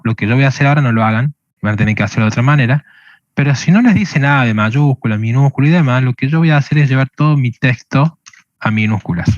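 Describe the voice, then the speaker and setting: A man teaches a programming lesson, walking through each step and pausing on a questioning "¿sí?" to check that his students follow. His voice sits at a middle pitch. The recording is dull and dry, with no room sound. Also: dry recording. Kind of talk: screen-recorded coding lesson.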